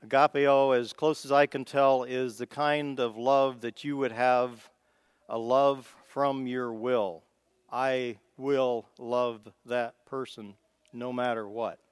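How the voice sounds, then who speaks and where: Taking it slowly, a preacher from the Midwest talks through an informal sermon in a folksy, conversational manner, restarting here and there as he thinks aloud. His mid-range voice is clear and resonant with fairly even intonation, and the recording is dry.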